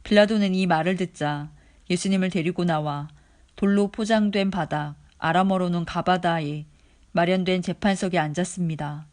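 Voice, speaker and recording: A reader giving a steady, measured daily scripture reading. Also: medium pitch. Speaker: Bible reader.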